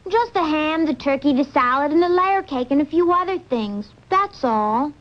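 A woman's voice: high voice, expressive, moderate pace. A woman playing a breezy, chatty teenage girl with mock-innocent understatement in a vintage TV commercial. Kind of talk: 1960s TV commercial monologue. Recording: dull vintage TV soundtrack, faint music.

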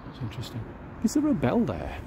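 A man's voice: medium pitch, wildly swooping pitch, fast, creaky. A man giving a casual walking-tour commentary outdoors, musing aloud with fillers. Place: outdoors on a city street. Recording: outdoor street noise behind.

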